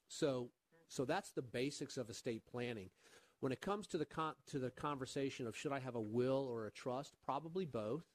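A man's voice: mid-range voice, husky. A man hosting a call-in radio show and giving financial advice, earnest, often repeating words as he starts a sentence.

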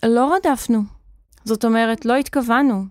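A woman's voice: a little high, fairly even intonation, no echo, clean studio sound, close to an everyday voice. A woman narrator voicing an anxious young boy apprentice who pleads and grows frantic in a children's audiobook. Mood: nervous. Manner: pleading, rising to frantic shouts.

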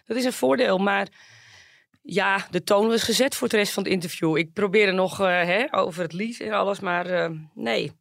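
An outspoken, excitable woman chatting as a radio reporter in the studio. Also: mid-range voice, normal speed, gravelly, no echo. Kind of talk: casual radio chat.

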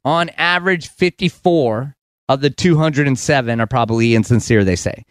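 A man hosting a radio show, chatty and laughing often as he acts out quick mock voices. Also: medium pitch, no room sound. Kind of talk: casual radio chat.

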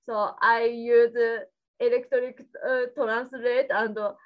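Dull lo-fi audio records a giggly interview guest from Japan chatting casually in simple, halting, Japanese-accented English. She speaks on the high side with little movement in pitch.

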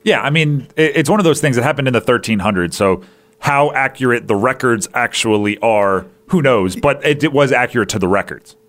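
A man's voice: mid-range voice, fairly quick, a bit bright. A man hosting a podcast, casually chatting through a movie review in a rambling way, with restarts and fillers. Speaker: podcast host.

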